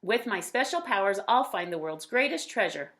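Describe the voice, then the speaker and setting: A woman with a natural, fairly bright mid-range voice reads as a storybook character, an imaginative little boy who boasts emphatically about his dress-up adventures. Her intonation is lively and her speed normal, with an excited, boastful mood.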